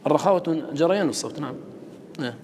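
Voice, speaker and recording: A man teaching a recitation class, asking his students questions and sounding out letters slowly. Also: on the high side, a little mellow, long reverb tail. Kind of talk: classroom lesson.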